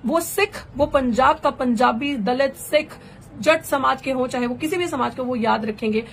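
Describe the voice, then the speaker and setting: A woman's voice: sits high, normal speed, slight background noise. A woman activist and candidate giving an impassioned live political address, rhetorical and fervent, slipping English phrases into her speech.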